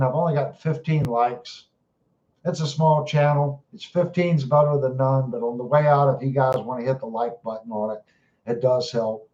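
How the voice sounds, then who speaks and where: A man's voice: mid-range voice, a little mellow. A man hosting a live stream, chatting casually and tired after hours on air, often repeating words as he talks to his chat. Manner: rambling, repeats words while talking to chat. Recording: roomy, dull lo-fi sound.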